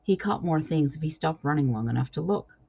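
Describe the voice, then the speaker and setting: Low, gravelly-voiced woman reading a storybook. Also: fairly quick. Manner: expressive reading aloud. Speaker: author reading her own book. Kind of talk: storybook narration. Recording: dull lo-fi recording.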